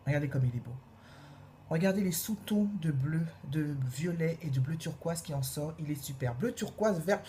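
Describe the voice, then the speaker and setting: A woman reviewing makeup in a casual, gushing way, repeating her praise and filling pauses with hesitations. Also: low voice, expressive, dark tone, slight background noise. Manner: gushing, repeats praise words, many fillers. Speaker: beauty vlogger.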